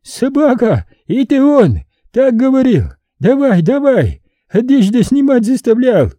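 A man voicing a furious wounded young male avenger who shouts in broken speech. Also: very high voice, very animated, measured pace, no echo, voice pushed up, heavily acted. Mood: agitated, eager.

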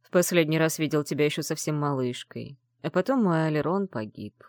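A loving old grandfather tells a painful family story with quiet sorrow, voiced by a woman reading an audiobook. The delivery is low yet swings widely in pitch. The sound is close and dry, with no room around it. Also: lively intonation, fairly quick, no echo. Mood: sad, tender.

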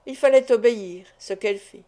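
A woman narrates a classic novel for an audiobook at a calm, even pace. Her voice sits fairly high, with a mellow, warm tone and no sharp edges. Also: fairly quick. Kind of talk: scripted literary narration.

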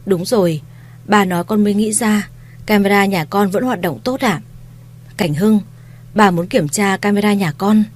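A woman's voice: mid-range voice, normal speed, a little mellow, natural voice. A woman reading an eager young wife.

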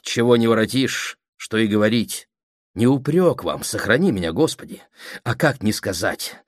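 A man's voice: fairly low pitch, no room sound, clean studio sound. A man voicing an aggrieved middle-aged sister who pleads and reproaches her brother, in an audiobook reading.

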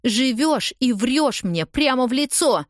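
A woman's voice: mid-range voice, lively intonation, measured pace, no room sound, clean studio sound, voice pushed up, lightly acted. A woman voicing a hurt, accusing young woman. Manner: raised, pleading, accusing. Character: upset young woman confronting her lover. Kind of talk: audiobook dialogue reading.

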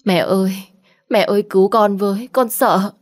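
A woman's voice: medium pitch, steady tone, moderate pace, pitched above the performer's own voice, natural voice. Tearful frightened young wife, as a woman narrator voices her. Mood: terrified. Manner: sobbing, pleading.

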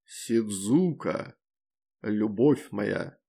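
A jilted demon lord from an audiobook, proud and drunk, dragging out his words and swinging between pleading and shouting, as a male narrator plays him. The voice has a gravelly, creaky edge. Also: fairly low pitch, heavily acted. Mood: brooding. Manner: slow, loud, accusing and pleading.

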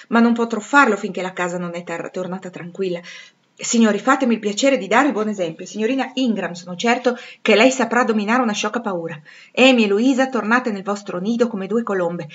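A woman reading aloud and voicing a brusque, commanding male master of the house who talks loudly and curtly. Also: mid-range voice, fairly quick, lo-fi sound, lightly acted. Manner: loud, curt, forcefully reassuring.

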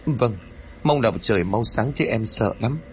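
A man's voice: lowish voice, animated, a little slow, a little hiss or hum. A man voicing a frightened middle-aged wife who questions her husband anxiously in a spoken horror story. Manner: anxious, pleading.

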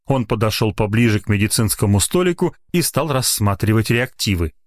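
Expressive male audiobook narrator. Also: fairly low pitch, a little fast. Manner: expressive reading that moves between voices.

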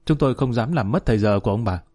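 A man voicing a soft-spoken gangster who talks courteously. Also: medium pitch, lively intonation, rapid-fire, close to an everyday voice. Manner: soft, deferential.

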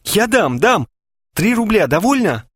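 A man's voice: very high-pitched, sing-song, moderate pace, gravelly, fairly bright tone, no room sound, studio quality, voice pushed up, exaggerated voice. A man putting on a whimpering, stammering young coward. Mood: eager. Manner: whiny, stammering, pleading.

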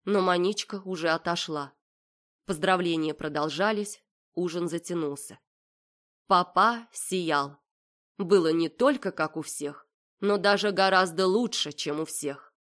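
A woman reading a story aloud as narrator in a steady, measured way. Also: on the low side. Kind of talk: audiobook narration.

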